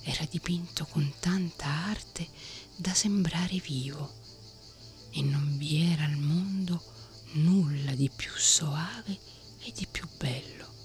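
Slow whispering woman, whispered role-play. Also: low-pitched, faint music behind. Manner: soft, slow whispered reading. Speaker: bedtime storyteller.

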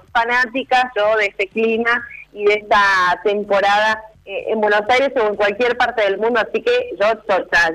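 A woman's voice: mid-range voice, poor audio. A woman with an Argentine accent hosting a morning radio show, upbeat and chatty. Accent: Argentine Spanish.

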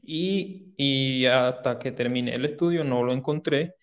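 Colombian Caribbean man, halting explanatory delivery. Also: mid-range voice. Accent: Colombian Caribbean coastal. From Córdoba, Caribbean coast of Colombia. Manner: hesitant, halting phrasing with repeated words and tag questions. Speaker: interview guest, engineer and researcher. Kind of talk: spoken interview answers, explanatory.

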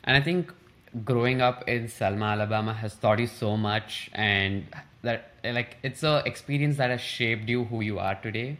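A man's voice: medium pitch, normal speed, fairly bright tone. A man hosting an interview, asking questions and affirming the guest attentively. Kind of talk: interview questions and brief backchannels.

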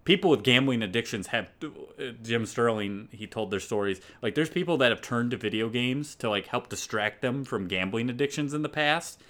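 A man's voice: mid-range voice, expressive, moderate pace, hardly any pauses, fairly bright tone. A man co-hosting a gaming podcast, giving opinionated takes in casual chat with frequent restarts. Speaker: podcast co-host.

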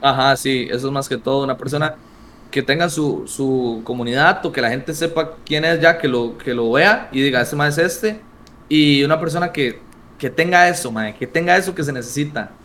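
A man's voice: medium pitch, moderate pace, slight background noise. A young man with a Costa Rican accent, a streamer telling stories in a casual, slang-heavy interview chat. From Costa Rica. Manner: slangy, animated storytelling.

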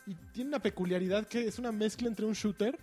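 A man's voice: high-pitched, fast, warm tone, husky, faint music behind. A Mexican man talking casually and colloquially as co-host of a gaming podcast. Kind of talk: casual video game chat.

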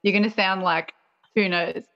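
A woman's voice: medium pitch, steady tone, moderate pace, gravelly, lo-fi sound. A woman chatting casually as a podcast guest, playful and giggly, sprinkling her talk with "like". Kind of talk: casual chat.

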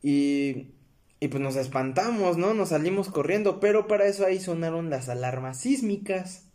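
Brief: young Mexican man vlogging, slightly high voice, loose rambling storyteller who keeps correcting himself. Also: animated, normal speed, a little mellow. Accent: Mexican Spanish. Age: young adult. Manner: rambling, full of fillers and self-corrections, addresses viewers as friends. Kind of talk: casual storytelling to camera.

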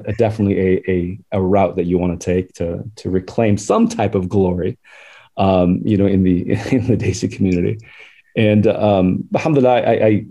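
A man's voice: fairly low pitch, warm tone, breathy edge. A man in his forties from Southern California, a podcast guest telling his life story in a chatty, rambling way that is full of laughs. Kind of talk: casual life-story interview.

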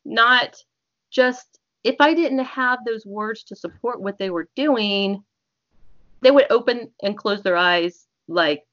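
A woman's voice: fairly high pitch, slow, fairly bright tone. A woman speaking as an interview guest, casually explaining hypnosis technique in a chatty, conversational way. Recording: echoey, muffled lo-fi call audio.

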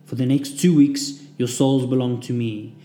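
A man's voice: medium pitch, steady tone, moderate pace, mellow, close to an everyday voice. A man playing a brutal Russian drill sergeant who barks commands. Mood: barking orders. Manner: barking commands. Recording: roomy echo.

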